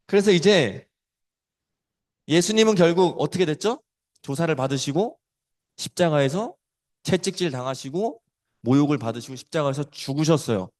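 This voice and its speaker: Animated man preaching to children. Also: fairly high pitch, moderate pace, long pauses. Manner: animated storytelling, swings between loud and soft. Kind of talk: storytelling sermon for children.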